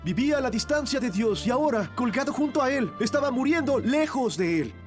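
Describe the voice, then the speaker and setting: An actor playing a dying thief on a cross, speaking a grave, intense monologue. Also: male voice, very high-pitched, lively intonation, brisk, soft background music. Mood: searching. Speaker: narrator of a monologue. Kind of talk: dramatic film monologue, dubbed.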